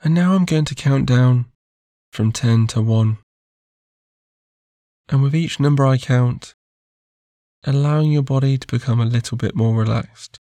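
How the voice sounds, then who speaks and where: Very slow, soothing male sleep guide. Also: medium pitch, mellow, no room sound.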